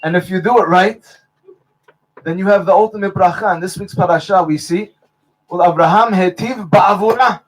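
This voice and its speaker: A man's voice: high-pitched, moderate pace, low-quality recording. A man officiating a wedding, speaking under a chuppah and telling stories and jokes between Hebrew blessings. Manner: warm storytelling with Hebrew blessings.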